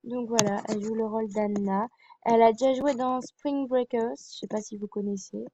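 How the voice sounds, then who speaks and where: A woman's voice: a little high, steady tone, moderate pace, dull audio, background noise. A young woman presenting a TV series to her viewers in a casual fan vlog, hesitant and full of fillers and apologies. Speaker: fan vlogger.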